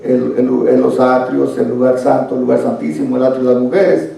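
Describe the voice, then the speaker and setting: A man's voice: medium pitch, little pitch movement, a little fast, vocal fry, mellow. A man leading a church Bible study lesson, explaining at length and addressing listeners as brother, recorded from a distance in a church hall. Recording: echoey room, far from mic.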